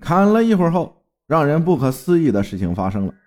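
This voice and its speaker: A man's voice: a little high, very animated, fast talker, darkish tone, faint music behind. A man from Fujian narrating a folk tale in a dramatic storytelling manner. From Fujian, China.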